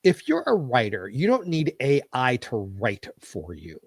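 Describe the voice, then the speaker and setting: A man talking as a podcast guest in a casual interview, animated and opinionated as he tells stories. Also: mid-range voice, a little slow, husky, dry recording, clean studio sound. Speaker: podcast guest, show business historian.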